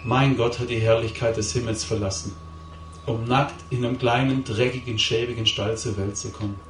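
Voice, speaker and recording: A man's voice: mid-range voice, steady tone, normal speed, a little hiss or hum. A middle-aged man gives an emotional testimony to a live audience, telling his story intensely and repeating words for emphasis. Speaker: lay preacher giving his testimony. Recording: roomy hall, voice from a distance.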